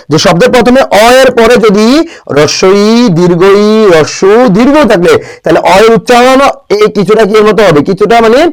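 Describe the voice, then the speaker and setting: A young man from Bangladesh teaching an exam-prep grammar lesson, drilling pronunciation with constant rhetorical questions and repeating words slowly for emphasis. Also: high voice, no room sound, rough recording.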